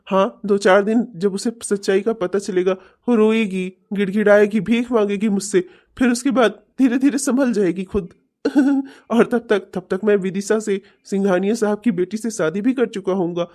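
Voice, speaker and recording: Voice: mid-range voice, unhurried, darkish tone, lightly acted. A performer voicing a scheming, deceitful young man in a cartoon, mocking and laughing often. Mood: gloating. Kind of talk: cartoon voice acting.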